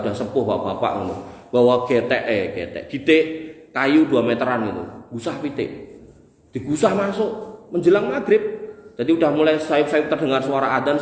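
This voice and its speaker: Animated Javanese preacher in an echoing mosque. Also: male voice, mid-range voice. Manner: animated storytelling, mixing in Javanese and Arabic recitation. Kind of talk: Ramadan mosque sermon. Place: large mosque hall. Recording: very echoey mosque hall with long reverb.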